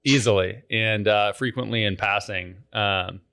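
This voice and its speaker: A man's voice: lowish voice, a little slow, gravelly, fairly bright tone, clean tone. A man hosting a business podcast, with an upbeat scripted intro and then casual, rambling questions for his guest. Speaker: podcast host. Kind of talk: interview hosting.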